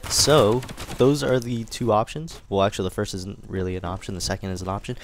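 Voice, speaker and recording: A man's voice: fairly low pitch, fairly even intonation, fairly quick, slight background noise. A young man giving casual, rambling commentary over a video game, thanking his viewers with many fillers and restarts. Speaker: gaming commentator. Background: game gunfire.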